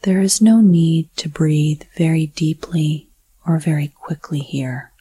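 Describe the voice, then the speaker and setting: A woman whispering a slow, soothing guided breathing meditation. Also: deep voice, mellow, husky, no room sound.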